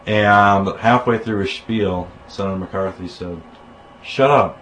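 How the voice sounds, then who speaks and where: A man's voice: sits low, fairly even intonation, a little slow, a bit bright, a little hiss or hum, rough recording. A man from the United States in casual conversation, telling anecdotes in a rambling way with restarts and quoted dialogue.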